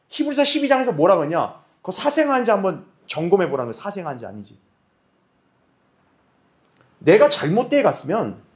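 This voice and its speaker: Pastor guy leading bible class, high voice, swoops up and down a lot, keeps asking the class questions. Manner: asks the class frequent rhetorical questions; acts out quoted voices in dialogue. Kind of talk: Bible study lecture.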